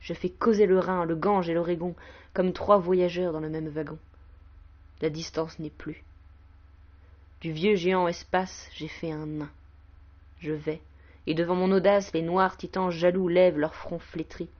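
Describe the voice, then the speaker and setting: A woman reciting proud Man personified, low and declamatory. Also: steady tone, measured pace, long pauses, highs cut off. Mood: proud, exalted. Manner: solemn declamatory reading. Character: Man personified, proud boastful male spirit. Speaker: poetry reader. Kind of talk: poetry recitation.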